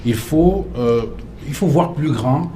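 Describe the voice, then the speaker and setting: A man moderating a panel debate in a TV studio, building long questions full of hesitations. His voice is mellow and mid-pitched, with faint background noise. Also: lively intonation, takes it slowly. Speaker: TV debate host.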